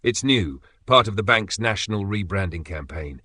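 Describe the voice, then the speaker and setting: A man narrating a dramatic story in a steady, measured way with pauses for effect. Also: on the low side, husky, dry recording.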